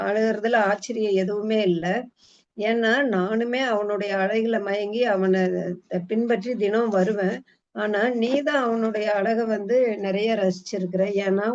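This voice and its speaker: A woman's voice: medium pitch, a little mellow. A woman retelling the story of a book in a casual, hesitant way, with frequent fillers and restarts, as if presenting it to a class. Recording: dull lo-fi recording.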